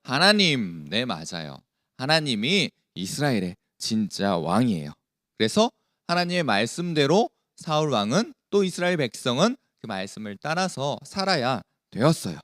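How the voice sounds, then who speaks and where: A man's voice: medium pitch, normal speed, no echo, studio quality. A man leading a children's worship service, telling a Bible story and asking the children questions. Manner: animated, asks the children questions.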